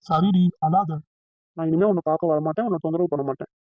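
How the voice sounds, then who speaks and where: A woman's voice: sits low, fairly even intonation, fast talker, no room sound. A woman voicing a cheeky young man who teases playfully, in a cartoon. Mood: coaxing. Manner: playful, teasing. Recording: tinny phone-like dry sound.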